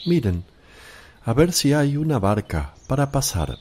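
An actor playing Jesus as a calm leader of travelling disciples in a radio drama. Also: male voice, medium pitch, unhurried. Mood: calm, directing. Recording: faint noise, birdsong behind.

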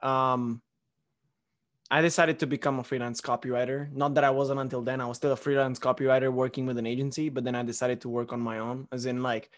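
Talking fairly quickly in a level, medium-pitched voice, a young man from Romania rambles through a casual podcast chat, restarting and using fillers. He's the host, at home in his living room, close to a boom-arm studio mic.

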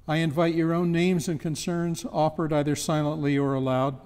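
An older man reads intercessory prayers in a slow, reverent, measured way. His voice is mellow and slightly raised, and it rings out with the long reverb of a church sanctuary. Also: a little high, flat delivery, smooth. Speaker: prayer leader. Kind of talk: liturgical prayers of the people. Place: church chancel, indoors.

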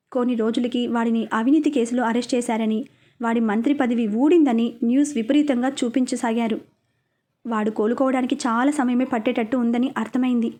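High-voiced woman storyteller. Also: dark tone. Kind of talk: scripted first-person narration.

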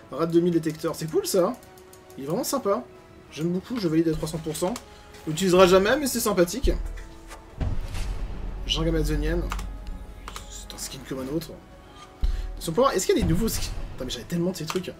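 A man giving casual gameplay commentary as a gaming YouTuber, animated, grumbling and swearing at bad loot. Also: high-pitched.

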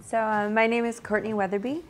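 A woman in her thirties from the United States, a research analyst calmly describing her work on camera. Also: a little high, brisk, over music. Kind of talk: introducing herself on camera. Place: office with bookshelves, indoors.

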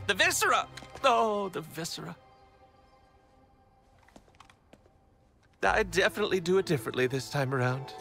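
A man's voice: high voice, sharp tone, exaggerated voice. An actor voicing a manic, theatrical young male supervillain clown in a video game, gleeful, mocking and melodramatic. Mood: mock tragic glee. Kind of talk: video game cutscene acting.

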